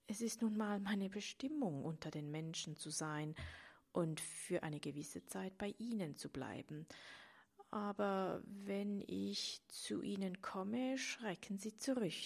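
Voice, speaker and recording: A woman voicing the frail grey spirit of sadness, who speaks in a hoarse, halting whisper and sounds mistrustful. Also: mid-range voice. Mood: mournful.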